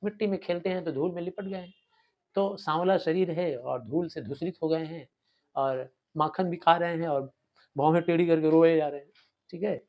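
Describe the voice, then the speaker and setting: A man teaches a class in a fairly high voice, going through a poem line by line and often checking that his students are with him. He recites the verses slowly. The recording sounds dull and lo-fi. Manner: explains line by line, checks with "ठीक है ना". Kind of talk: classroom poetry explanation.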